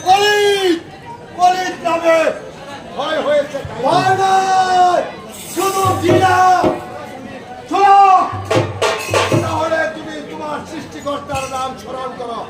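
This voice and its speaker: Booming, very high-pitched warrior commander. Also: male voice, a little slow, long pauses. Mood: menacing, scornful. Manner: booming, declamatory, commanding delivery. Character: booming, proud warrior commander, threatening and scornful. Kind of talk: folk jatra stage acting. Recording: echoey distant stage, music and crowd noise.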